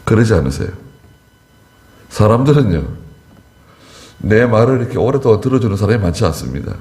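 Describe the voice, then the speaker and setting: A man's voice: lowish voice, very animated, fairly quick, a little mellow. A middle-aged male pastor preaching in a conversational way, acting out everyday dialogue to make his points. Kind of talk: sermon.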